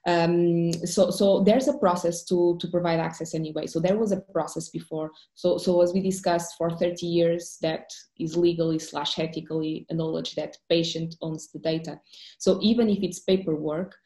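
A woman's voice: lowish voice, fairly even intonation, normal speed, mellow. A woman from Portugal, speaking as a panelist on a video call, often repeating her openers. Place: home room indoors. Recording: echoey room.

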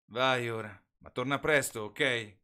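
A man's voice: mid-range voice, slow pace, sharp tone, smooth, voice pushed up. A man as a teasing, protective teenage boy. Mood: friendly.

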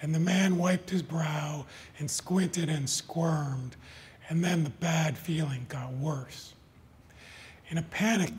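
A man reading his short stories aloud at a live event, in an even, deliberate storytelling manner. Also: a little high, slight background noise. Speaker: author. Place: live reading before an audience.

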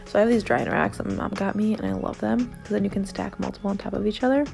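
A young adult woman vlogs about baking at home, chatting casually and cheerfully with plenty of rambling asides, filming on a phone camera first from the living room couch and then in her kitchen. Her mid-range voice is creaky, fairly even in intonation, and quick. Music plays underneath.

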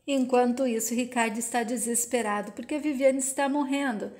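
A woman retelling a soap opera plot in plain, steady narration. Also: on the high side, a little fast. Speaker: storyteller.

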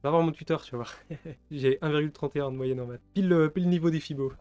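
A man's voice: fairly high pitch, fast talker, mellow, clear, resonant tone, no echo, soft background music. A man in his twenties from France, rambling through casual live-stream commentary, laughing often and answering chat. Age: 20s.

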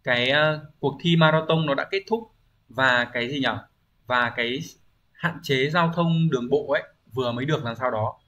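A man talks through an exam-review language lesson at an ordinary, mid-level pitch. He explains patiently, keeps checking in with rhetorical questions, and fills pauses with hesitant thinking-aloud sounds. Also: bright, forceful tone, lo-fi sound. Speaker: Japanese language teacher.

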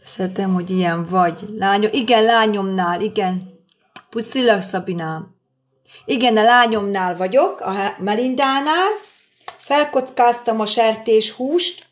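A middle-aged woman chatting on a live stream while cooking in her daughter's kitchen, answering and thanking viewers as she works. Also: medium pitch. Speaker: livestream host. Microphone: phone camera.

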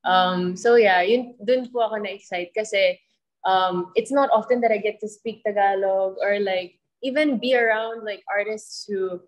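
A young woman, answering a press question at a panel, pausing and searching for words while slipping in Tagalog. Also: medium pitch. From born in the Philippines, grew up in Singapore. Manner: thoughtful, searching for words, mixing English and Tagalog. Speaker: singer at press conference. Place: indoor press event, panel at a table. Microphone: handheld mic.

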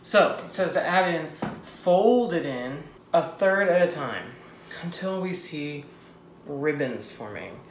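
A man in his twenties chatting casually and excitably to camera as he bakes, giggly and gushing. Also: fairly high pitch, slow. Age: 20s. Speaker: host of a home baking vlog. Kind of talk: casual chat to camera while baking. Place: home kitchen. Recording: echoey kitchen, clicks and background noise.

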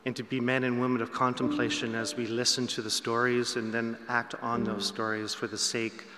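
A man's voice: mid-range voice, little pitch movement. Solemn man praying at a pulpit microphone. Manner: measured, solemn. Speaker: prayer leader. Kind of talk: spoken congregational prayer. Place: chapel. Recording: echoey chapel hall with loud guitar.

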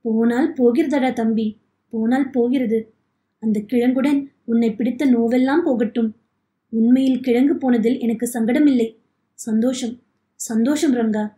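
A woman's voice: fairly high pitch, steady tone, measured pace, close to an everyday voice. Woman voicing a forgiving elderly uncle. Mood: earnest. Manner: earnest, gently consoling. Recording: echoey room.

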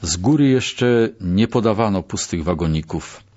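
A man reads a literary audiobook in a low voice with lively, varied intonation. His delivery is measured and expressive. The recording sounds dull and lo-fi. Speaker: audiobook narrator.

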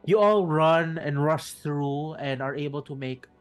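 A man's voice: a little high, measured pace, soft background music. A middle-aged man, narrating a tabletop game as game master, building scenes with repeated phrases and the odd casual swear. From Philippines.

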